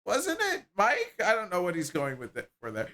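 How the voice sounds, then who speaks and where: A streamer voicing a gentle, polite young woman assistant while reading game dialogue aloud. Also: medium pitch, wildly swooping pitch, normal speed, voice pushed up, exaggerated voice. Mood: cheerful.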